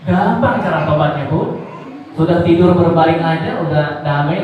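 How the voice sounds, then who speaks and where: Preacher man in a booming, echoey hall. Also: slight background noise. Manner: animated, acts out quoted wives with sudden high pitch. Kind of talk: sermon to women in a mosque. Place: mosque hall. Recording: very echoey hall, distant mic.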